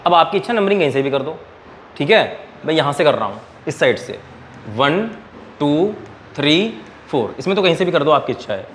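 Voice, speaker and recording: Man teaching chemistry with quick questions. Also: fairly high pitch, big pitch swings, a bit bright, slight background noise. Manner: quizzes students and answers his own questions; calls students "beta". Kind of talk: classroom lecture.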